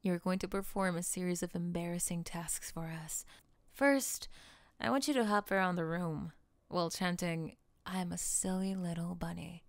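A woman voicing a calm young woman who frees her boyfriend by counter-hypnosis, speaking softly and soothingly in an audio roleplay. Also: fairly low pitch, moderate pace, no echo, close to an everyday voice. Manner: soft, whispery, soothing hypnotic delivery.

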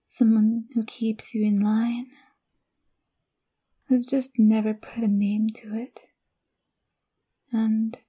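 A young woman whispering softly and close in an intimate, coaxing ASMR roleplay. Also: a little high, breathy edge. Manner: intimate, coaxing girlfriend address.

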